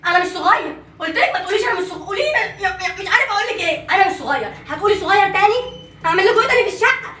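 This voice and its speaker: A woman's voice: very high voice, pushed and bright, reverberant, recorded from a distance, exaggerated voice. A woman voicing a stubborn, mischievous little boy with an Egyptian accent, whiny and defiant, in a comedy sketch. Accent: Egyptian Arabic.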